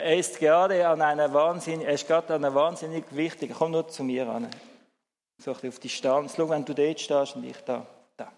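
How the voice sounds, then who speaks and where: A Swiss man with a Swiss German accent, giving a sermon at a church service and chatting with the congregation, now emphatic, now quiet. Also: a little high. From Switzerland. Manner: lively, swings between emphatic and soft. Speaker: preacher. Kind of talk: sermon with audience interaction. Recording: long hall reverb.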